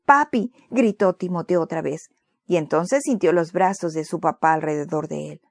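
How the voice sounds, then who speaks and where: A woman reading a children's story aloud in a clear, expressive way. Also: low voice, moderate pace, no echo.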